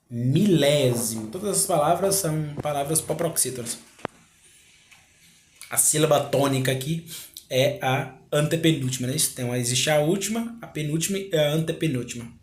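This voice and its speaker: A man teaching a grammar lesson, explaining slowly, repeating words and asking rhetorical questions. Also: fairly high pitch. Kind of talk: grammar lecture. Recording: echoey room.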